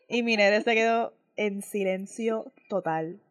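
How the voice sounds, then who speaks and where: A woman with a Caribbean Spanish accent co-hosting a podcast, chatting casually and laughing while sick with a rough voice. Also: medium pitch, slow. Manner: laughing, joking, mixes in English phrases. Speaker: podcast co-host. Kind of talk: casual chat.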